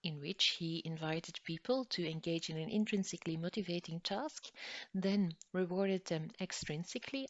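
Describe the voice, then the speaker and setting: A woman from northern Belgium giving an educational talk, explaining a concept and then telling a personal story while acting out the dialogue. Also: no echo. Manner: storytelling, acts out dialogue with lively pitch jumps. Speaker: lecturer. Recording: dull lo-fi dry recording.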